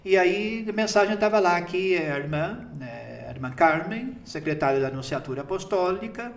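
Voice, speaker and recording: A priest in his fifties tells his story in a relaxed, chatty way. His voice sits a little high for a man. It echoes around the room he is recorded in. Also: normal speed, creaky. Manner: chatty storytelling, often breaking into laughter. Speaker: priest named bishop. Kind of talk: recounting a personal story in an interview.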